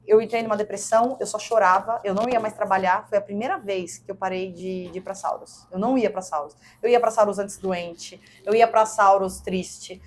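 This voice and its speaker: A woman's voice: medium pitch, slight background noise. A woman in her thirties with a Brazilian Portuguese accent, a podcast guest and gym coach telling a personal story in an earnest, emotional way, repeating words for emphasis.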